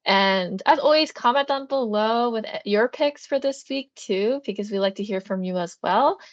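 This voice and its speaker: A woman's voice: on the high side, moderate pace, no room sound, lo-fi sound. A woman co-hosting a casual video chat, talking loosely with many fillers. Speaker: co-host, comics sales.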